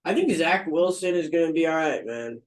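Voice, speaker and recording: A relaxed young man chatting on a sports podcast. His voice sits a little high, and he keeps things loose and easygoing. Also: moderate pace, poor audio. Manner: laid-back, says dude and man a lot. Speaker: podcast co-host. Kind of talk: casual sports podcast chat.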